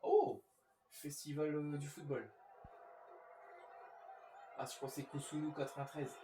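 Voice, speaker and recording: A man's voice: on the high side, level tone, unhurried, dark tone, slight background noise. A man giving casual, informal game commentary, talking directly to his viewers as host. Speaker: gaming video host. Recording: roomy echo.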